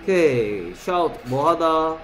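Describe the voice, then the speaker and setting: A man teaching an English lesson in a classroom, checking often whether students follow and reading example sentences out slowly. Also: a little high, expressive, fairly bright tone, faint music behind, rough recording. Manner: keeps checking understanding with short questions.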